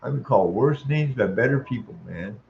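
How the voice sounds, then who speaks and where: Talking straight to camera, this vlogger swears through an angry monologue, tacking "man" onto his lines, laughing a bit, and dragging out "uh" while he stalls. His ordinary mid-pitched voice is animated and creaky, captured in slightly dull, lo-fi audio over a faint hum.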